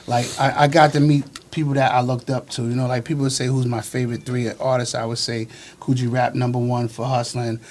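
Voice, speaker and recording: A man's voice: mid-range voice, little pitch movement, brisk, hardly any pauses, darkish tone. A man from Flushing with a Queens accent, telling stories in slangy, casual conversation as an interview guest. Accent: Queens, New York. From Flushing, Queens, New York. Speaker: podcast guest, rapper.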